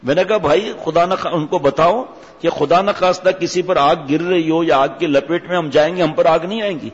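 A man delivers a sermon in an emphatic, rhetorical way, often scolding his listeners. His voice sits fairly high for a man. The sound is dull and lo-fi, with a long reverb that suggests a large hall or mosque. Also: slightly rough. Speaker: preacher.

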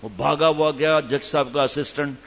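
A man tells a comic story to a live audience, joking and throwing rhetorical questions at them. His voice sits fairly high for a man. It echoes through a large hall, and the recording is slightly dull and muffled. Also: fairly even intonation, fairly bright tone.

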